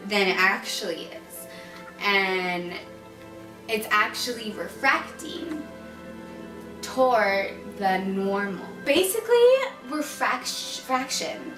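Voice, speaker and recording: A woman stumbles and jokes her way through a homemade class video, speaking slowly and at length. She sounds far from the mic in an echoey room, with music playing behind her. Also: fairly high pitch. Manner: rambling, joking, stumbling over words. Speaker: student presenter.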